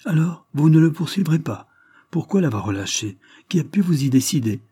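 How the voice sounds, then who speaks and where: A man reading the part of an irritable country squire in an audiobook, firing off sharp, indignant questions. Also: mid-range voice, moderate pace, breathy edge, no room sound, studio quality.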